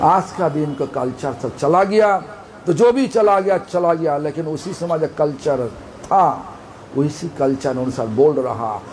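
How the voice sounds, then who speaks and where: A spiritual teacher delivers a devotional storytelling sermon. His voice sits fairly high for a man and moves at an unhurried, deliberate pace. He repeats phrases for emphasis and turns to the listeners with direct questions. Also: expressive, darkish tone, slight background noise, rough recording.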